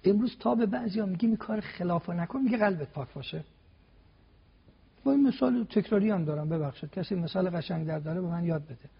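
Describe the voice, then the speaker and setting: High raspy guy preaching on tv, emphatic, lots of rhetorical questions, dull lo-fi sound. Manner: emphatic, builds points step by step with rhetorical questions. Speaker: religious guest speaker. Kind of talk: preaching talk on a TV program.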